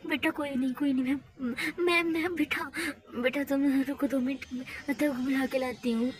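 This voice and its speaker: A woman voicing an anxious middle-aged mother-in-law who calls out loudly and repeats herself. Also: sits high, fairly even intonation, normal speed, close to an everyday voice. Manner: loud, repeats calls in alarm. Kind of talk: hobby doll mini-movie voice acting. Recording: noisy home recording.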